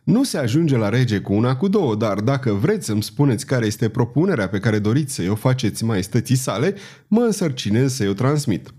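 A man's voice: medium pitch, very animated, warm tone, husky. A man playing a sly, jovial king. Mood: teasing. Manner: brusque then teasing. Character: sly, jovial male king from the south, brusque.

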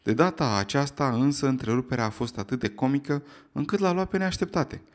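A man with a middle-pitched voice narrates an audiobook. His storytelling is steady and even, and he stays calm throughout the story.

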